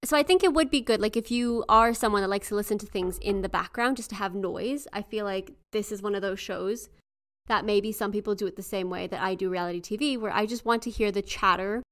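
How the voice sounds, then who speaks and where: A woman's voice: mid-range voice, a little fast. Curious New Zealand woman co-host. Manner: relaxed, curious, asks questions. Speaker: podcast co-host. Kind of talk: casual chat.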